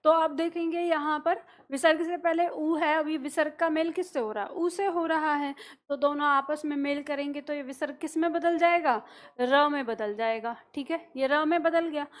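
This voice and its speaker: High-voiced woman teaching a class. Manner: patient, questioning, answers her own questions. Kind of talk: classroom grammar lesson.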